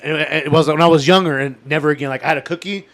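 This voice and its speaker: A man with a fairly high-pitched voice tells stories in loose, casual banter. He talks like a frat bro, leaning on slang, swearing and calling everyone dude. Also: very fast, a bit bright.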